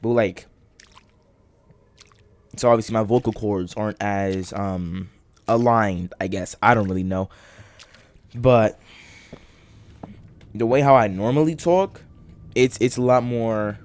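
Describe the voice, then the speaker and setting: A man's voice: lowish voice, a little mellow. Groggy young man rambling over gameplay. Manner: rambling, halting, many fillers and restarts. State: groggy morning voice. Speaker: gaming channel host. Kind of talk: casual let's-play commentary.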